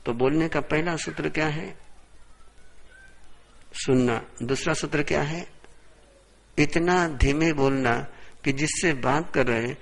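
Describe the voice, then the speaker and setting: A man giving a sermon as a monk, speaking softly into a close microphone in a lecture hall and putting rhetorical questions to the audience. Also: a little high, slow, gravelly, pauses often. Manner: soft-spoken, asks the audience rhetorical questions. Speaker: Jain monk giving a discourse.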